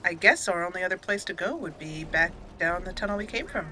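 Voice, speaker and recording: A let's play host and gamer with a lowish voice gives brisk, chatty roleplay commentary on a game, sometimes slipping into emotive, story-like narration. The recording is very noisy.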